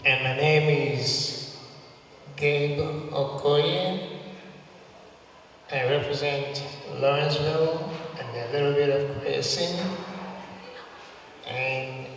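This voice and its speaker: A man from Nigeria speaking on a panel in slow, deliberate phrases. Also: fairly high pitch, background noise. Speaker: state representative, panelist. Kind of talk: panel remarks. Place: large event hall. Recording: echoey hall, far from the mic.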